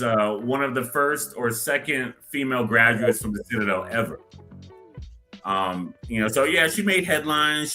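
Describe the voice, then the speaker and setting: A man speaking as a guest on a podcast, talking in a measured way with many fillers. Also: mid-range voice. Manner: measured, with many fillers and a sharp-edged timbre. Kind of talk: casual interview talk.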